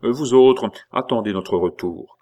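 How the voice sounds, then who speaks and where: A man's voice: mid-range voice, measured pace, dark tone, voice pushed up, lightly acted. A man voicing a self-important young male village captain who gives orders in a grand, solemn manner. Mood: commanding. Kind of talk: audiobook character voice.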